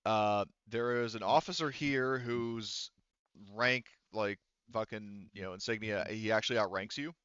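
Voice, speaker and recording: A game master with a low, clean, smooth voice narrates a tabletop roleplaying session casually, pausing haltingly as he works things out. The sound is close, dry and echo-free but slightly dull, as from an online voice chat microphone, while his voice is a bit bright.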